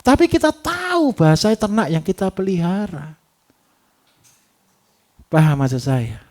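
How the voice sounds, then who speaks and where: A man giving a livestock farming workshop, lively and teasing, who keeps asking his audience rhetorical questions. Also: sits high, a little slow. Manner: animated, repetitive, teasing.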